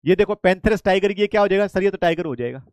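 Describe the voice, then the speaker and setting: Guy teaching an online class, keeps firing questions at students, mixes english words in, voice a bit high, very dry sound. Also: fast, no echo. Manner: lively, repetitive drilling with questions to students; mixes Hindi with English terms. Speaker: online exam-prep teacher.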